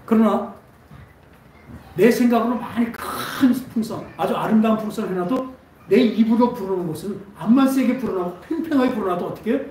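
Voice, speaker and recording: A pastor with a high, slightly mellow voice preaches a Sunday sermon in a church sanctuary, asking his congregation one question after another. It is picked up from far off in the echoey hall, with a little hiss or hum.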